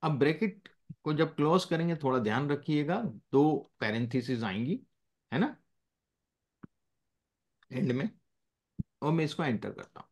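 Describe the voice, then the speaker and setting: A man's voice: fairly high pitch, a little slow, pauses often, darkish tone. A male teacher giving a live classroom lesson. He mixes English phrases into his explanations and keeps checking that the students follow.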